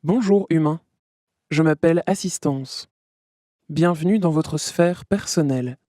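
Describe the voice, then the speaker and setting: A performer voicing a friendly virtual assistant AI with a synthetic robot-like sound. It announces things politely and brightly, like a system welcome message. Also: medium pitch, a little slow, no echo, clean studio sound. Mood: cheerful welcoming. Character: cheerful virtual assistant AI of a social network. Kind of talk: audio drama.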